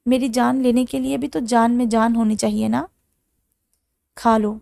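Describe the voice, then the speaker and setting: A woman's voice: on the high side, fairly even intonation, vocal fry, warm tone, dry recording. A woman reading as a harsh, brooding young man. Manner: harsh, mocking. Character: brooding hot-tempered young man, mocking.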